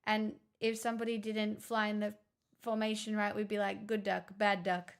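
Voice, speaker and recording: With a medium-pitched, gravelly voice and flat delivery at an ordinary speed, a woman livestreamer chats loosely with her audience. She teases playfully and jokes at her own expense, and the audio is clean.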